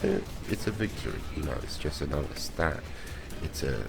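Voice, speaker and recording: Man, extremely low voice, flu-like head cold, casual game guide commentary, emphatic repetition, clear music behind. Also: expressive, moderate pace. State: has a slight cold, sounds worse for wear. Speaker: gaming video host.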